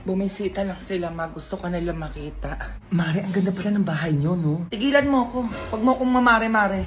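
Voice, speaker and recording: A person acting out a comic family sketch, switching quickly between several characters. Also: lowish voice, music in the background. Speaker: comedy sketch creator playing all parts.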